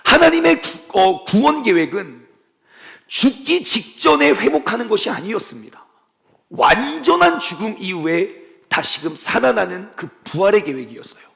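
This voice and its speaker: Animated, gravelly-voiced preacher man. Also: high voice, normal speed, long reverb tail. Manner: animated storytelling with playful sound effects. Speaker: pastor. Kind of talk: sermon. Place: church service.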